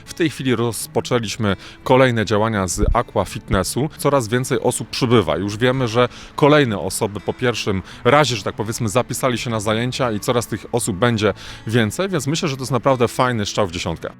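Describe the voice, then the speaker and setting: A man's voice: medium pitch, fairly quick, soft background music. A man speaking informally in an interview as a representative of a swimming school.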